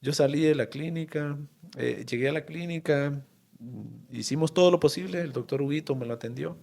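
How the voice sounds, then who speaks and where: A man with a Honduran accent, a town mayor telling a personal story in an interview, halting and emotional with many pauses and fillers. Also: a little high, vocal fry, darkish tone. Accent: Honduran Spanish.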